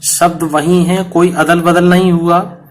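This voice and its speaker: Slow, patient male grammar teacher. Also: a little high, little pitch movement. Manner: slow, patient, repeats each example. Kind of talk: explaining a grammar lesson to students.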